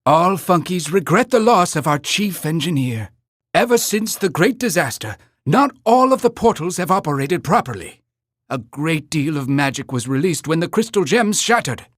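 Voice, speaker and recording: A pompous little-town mayor from a cartoon video game. He speaks in a high, very animated voice and announces everything with earnest, theatrical grandeur. The recording is dry and close. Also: moderate pace, no room sound. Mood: grave, regretful. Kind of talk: scripted video game narration.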